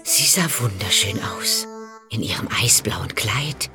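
A woman narrating a fairy tale in a slow, dramatic storytelling manner that speaks to the listener. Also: a bass voice, animated. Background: faint music.

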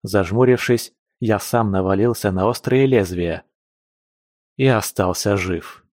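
This is a male audiobook narrator with a fairly low voice. He reads at a steady, measured pace. The sound is dry and close to the mic. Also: no room sound.

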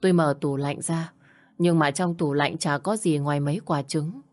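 Low-voiced woman narrating a sad story. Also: fairly even intonation, normal speed, darkish tone. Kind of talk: first-person audio story narration.

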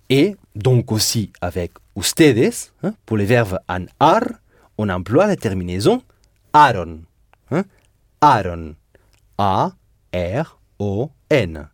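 A man's voice: mid-range voice, huge pitch swings, a little slow, a little mellow, dry recording, clean studio sound. A man teaching a Spanish lesson in French, patiently drilling verb endings and repeating students' answers. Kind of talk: language lesson drilling conjugations.

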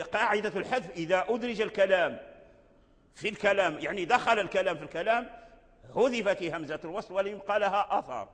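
An older man with a Moroccan accent teaching Quran recitation rules, repeating phrases and chanting verses slowly. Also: sits high, a bit bright, long reverb tail. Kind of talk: recorded religious lesson.

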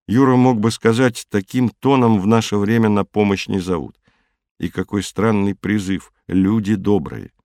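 A man narrating an audiobook in a measured, even reading. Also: fairly low pitch, no echo, studio quality. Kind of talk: scripted narration.

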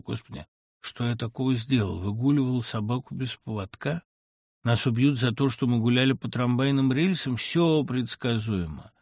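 A man's voice: medium pitch, dry recording, clean studio sound. Ironic, emphatic male audiobook reader. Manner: expressive, ironic reading with sharp emphatic jumps. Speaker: audiobook narrator. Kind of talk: literary audiobook reading.

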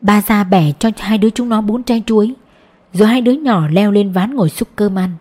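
A woman's voice: mid-range voice, brisk. Woman reading an audiobook steadily. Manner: steady, even reading of a novel with quoted dialogue. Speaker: audiobook narrator. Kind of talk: storybook narration.

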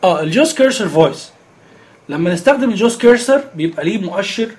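A man's voice: high-pitched, lively intonation, quick pace, a little mellow. A man with an Egyptian Arabic accent explaining a screen reader step by step, with many filler sounds. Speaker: instructor.

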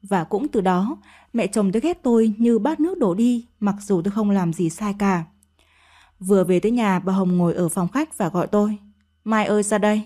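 Warm-voiced woman narrating a story. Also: mid-range voice, moderate pace. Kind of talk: first-person scripted story narration.

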